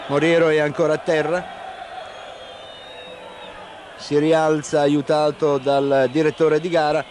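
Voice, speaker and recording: Even-toned male football commentator, noisy broadcast. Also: on the high side, normal speed. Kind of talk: live TV football play-by-play commentary. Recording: noisy old 1990 TV broadcast.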